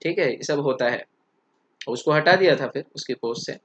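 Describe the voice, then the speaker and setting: A man's voice: a little high, moderate pace. A man teaching an English lesson, explaining points with stories and examples and switching between two languages. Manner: storytelling with examples, mixing Hindi and English. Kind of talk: classroom lecture.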